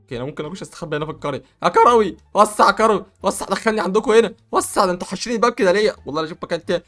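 A young Egyptian man excitedly narrating a game role-play, bossy with sudden loud outbursts. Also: high-pitched, very fast, faint music behind. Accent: Egyptian Arabic. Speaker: gaming YouTuber.

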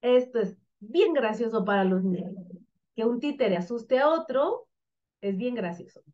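A woman's voice: a little high, expressive, measured pace, lo-fi sound. A woman teacher explaining a puppet play to her students, now and then acting out the puppet voices.

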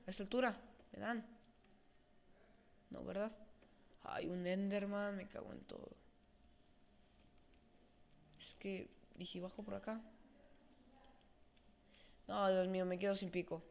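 A man giving let's play commentary at home, excitable, swearing often and talking to himself as he plays, his voice a bit quiet on a cheap desk mic. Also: high-pitched, measured pace, creaky, long pauses. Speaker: gaming channel host. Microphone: cheap desk mic without a stand, voice comes out quiet.

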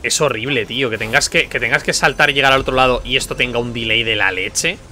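A man's voice: mid-range voice, fast talker, sharp tone, slight background noise. A man from commentating his gameplay, frustrated, muttering and swearing. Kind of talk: let's play commentary. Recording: faint music behind.

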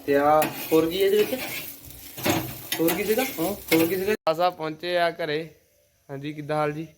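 A man's voice: a little high, fairly even intonation, normal speed, background noise. A man with a Punjabi accent giving casual, exclamatory running commentary for his vlog. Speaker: vlogger.

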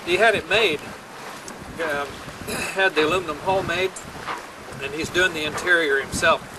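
Older man, easygoing amateur home-video narrator, loud wind buffeting the camcorder mic. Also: on the high side. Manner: relaxed, chatty, halting with fillers. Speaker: boat owner filming a home video. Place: outdoors on a sailboat on a lake. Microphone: camcorder microphone. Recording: camcorder audio with heavy wind noise. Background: loud wind on the microphone.

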